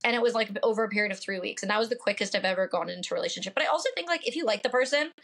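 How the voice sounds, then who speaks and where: Speaking rapid-fire at medium pitch, this woman has a fairly bright, nasal voice. She's in her late twenties, from the Pacific Northwest, and chats casually as a podcast guest, upfront and leaning on lots of fillers.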